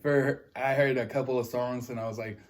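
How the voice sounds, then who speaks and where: A man's voice: mid-range voice, steady tone, brisk. A man hosting a mukbang, chatting casually with a friend. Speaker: host of a mukbang food vlog.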